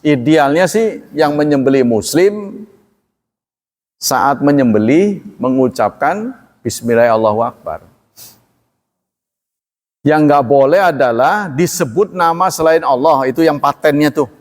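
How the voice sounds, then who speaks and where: Animated male preacher in an echoing hall. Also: measured pace, pauses often. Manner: animated, acts out dialogues with raised pitch; laughs between points. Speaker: Islamic preacher. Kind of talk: sermon. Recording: long hall reverb.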